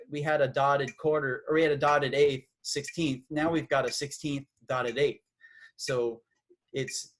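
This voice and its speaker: A man's voice: medium pitch, a bit bright. A man giving a casual, slightly awkward music lesson who counts beats aloud as he explains. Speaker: music teacher.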